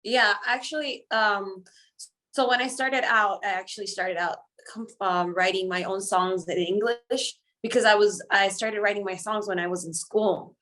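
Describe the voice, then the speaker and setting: A woman's voice: medium pitch, fairly even intonation, moderate pace. A woman raised in the Dominican Republic, a singer guest who answers interview questions in a chatty way and slips between English and Spanish. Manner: chatty and warm, laughs often, switches between English and Spanish.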